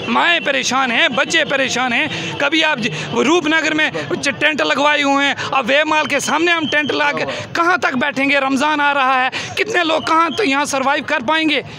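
A young man speaks fierily at an outdoor sit-in, pleading and repeating himself for emphasis. His voice sits very high with a gravelly rasp. A crowd murmurs behind him and traffic passes. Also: steady tone, normal speed, hardly any pauses. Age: young adult. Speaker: protest spokesman. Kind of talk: impassioned street protest speech. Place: outdoor protest tent by a busy road. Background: crowd and passing traffic.

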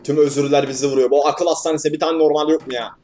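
A man's voice: on the high side, fairly even intonation, very fast, dark tone, faint music behind. A young man commentating a horror game as he plays, swearing and yelping at scares, then laughing them off. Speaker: gaming YouTuber.

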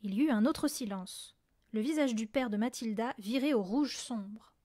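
Brief: woman narrator for an audiobook, high voice, dry close recording. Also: moderate pace, darkish tone, dry recording. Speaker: audiobook reader.

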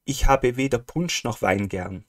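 Slow, careful man reading phrasebook lines. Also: mid-range voice, lively intonation, dry recording, studio quality. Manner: slow, careful reading, alternating Creole line and German translation. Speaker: language reader. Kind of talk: reading phrasebook dialogues with translations.

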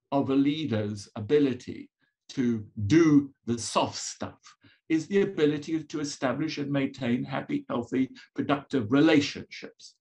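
A man with a colonial accent from Africa gives a conversational lecture at a medium pitch. He is emphatic, posing rhetorical questions and restating his points in short phrases. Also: vocal fry, a little mellow. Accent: colonial, from an upbringing in Africa. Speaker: psychologist lecturing at a conference. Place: indoors, video call presentation with slides.

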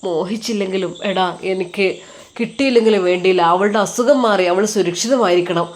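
A woman voicing a lovesick, anxious young man in a storybook tale, speaking softly and tearfully. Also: medium pitch, a little fast, natural voice. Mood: sorrowful. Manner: soft, quiet and tearful.

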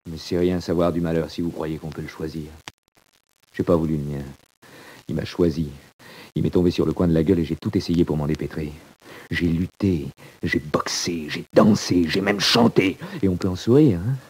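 A man's voice: low voice, steady tone, moderate pace, darkish tone, a little hiss or hum, natural voice. An actor playing a proud, weary, hardened male convict in a 1940s radio drama, grave and bitter. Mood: brooding.

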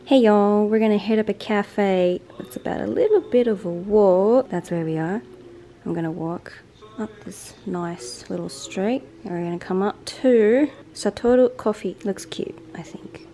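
Slow, chatty woman narrating a vlog. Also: medium pitch, slight background noise, rough recording. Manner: relaxed, chatty. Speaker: vlogger.

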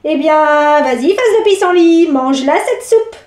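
A loud, high-pitched old witch, put on by a woman reading aloud, bossy and vain. She barks rhyming threats and insults, with a lot of echo around her. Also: expressive, measured pace. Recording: echoey room.

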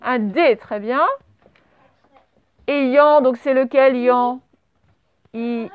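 Woman, teacher, high voice, slow clear dictation, spells letters one by one, dull lo-fi sound. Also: no echo. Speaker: primary school teacher. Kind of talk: classroom dictation lesson. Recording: slightly dull lo-fi recording.

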